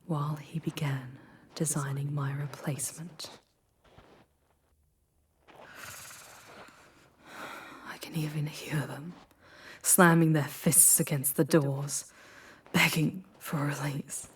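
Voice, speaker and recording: In an ASMR roleplay, a woman voices an ancient, proud, wounded female demon guiding a traveler through hell. She speaks softly and formally, breathy, solemn and deliberate, in a low, husky voice with little pitch movement and a slight hiss or hum, her mood bitter and hushed.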